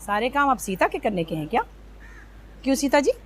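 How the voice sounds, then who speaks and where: A sharp-tongued, taunting sister-in-law. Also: female voice, sits high, sing-song, fairly quick, slight background noise. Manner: taunting, mocking. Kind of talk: TV serial acting. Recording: background music score.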